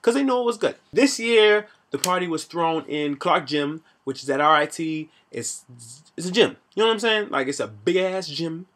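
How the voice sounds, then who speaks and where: A young man hosting a vlog, reviewing a college party in animated, slangy storytelling with shout-outs. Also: on the high side, moderate pace, a little hiss or hum.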